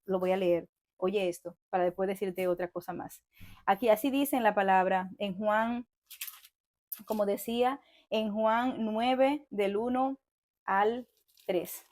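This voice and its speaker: A woman telling her conversion story with fervent conviction, often stopping to check in with her listener. When she reads scripture, she slows down and stresses each phrase. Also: mid-range voice, a little mellow. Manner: fervent, with frequent tag questions; reads scripture slowly and emphatically. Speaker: church member giving testimony. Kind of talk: personal faith testimony.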